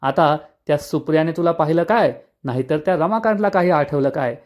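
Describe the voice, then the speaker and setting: A man's voice: a little high, brisk, natural voice. A man voicing a scheming middle-aged woman who gloats with self-satisfaction. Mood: gloating.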